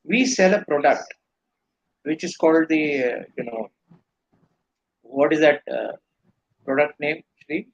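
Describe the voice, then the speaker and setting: A man's voice: fairly high pitch, animated, unhurried, long pauses, lo-fi sound. A man with an Indian accent giving earnest, rambling spiritual teaching in a live question-and-answer session. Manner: earnest, rambling explanations with restarts.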